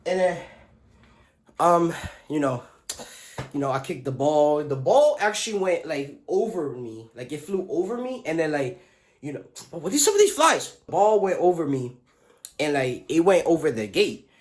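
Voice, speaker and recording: A man's voice: on the high side, very animated, moderate pace. A young man telling a rambling school story to his phone, full of fillers, restarts and swearing.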